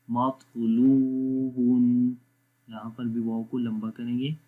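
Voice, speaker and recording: With a mid-range voice, a man gives a slow spelling-out lesson on Quran letter pronunciation, sounding out syllables one at a time and stretching the vowels. He then explains the rules in quicker asides. The sound is dull and lo-fi.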